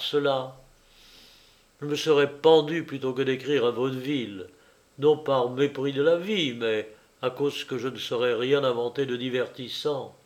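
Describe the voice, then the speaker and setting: A man reading a literary novel aloud in a measured, wry and reflective storytelling manner. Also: medium pitch. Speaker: audiobook reader. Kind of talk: literary audiobook narration.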